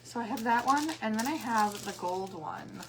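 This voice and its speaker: A woman with a hoarse, failing voice that cuts in and out, chatting casually as she hosts a craft livestream and greets her viewers. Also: fairly high pitch, normal speed, noisy background. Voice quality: hoarse, voice cutting in and out. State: losing her voice after coughing.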